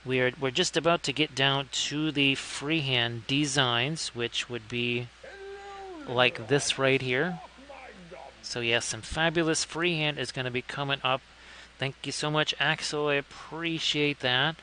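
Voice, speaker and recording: Bright-voiced man hosting a live stream. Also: medium pitch, steady tone, unhurried, slight background noise. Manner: chatty, thanks viewers, wry asides. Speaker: live-stream host painting miniatures. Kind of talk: casual live-stream chat.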